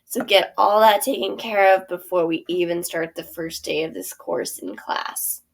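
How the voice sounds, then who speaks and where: Sharing her screen, a woman theater teacher gives a friendly walkthrough of her curriculum, often saying um and correcting herself in small ways. Her voice sits on the low side, with vocal fry and a normal pace.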